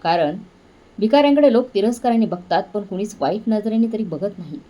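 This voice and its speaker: A woman's voice: mid-range voice, animated, fairly quick, warm tone, lightly acted. A woman voicing a young beggar woman who is humiliated but proud, speaking in a pleading, emotional way. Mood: sorrowful.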